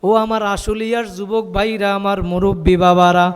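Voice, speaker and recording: A man's voice: sits high, flat delivery, moderate pace, clear, resonant tone. A man preaching a fiery sermon, calling out to the crowd for answers, recorded in an echoey hall with faint music. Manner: impassioned, rising to shouted calls for the crowd to answer. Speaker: Islamic preacher.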